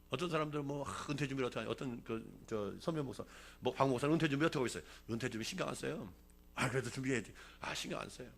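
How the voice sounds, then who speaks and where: A man's voice: on the high side, fairly bright tone. A man in his sixties preaching a revival sermon as a pastor, calling for responses from the congregation and telling a fable along the way. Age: 60s.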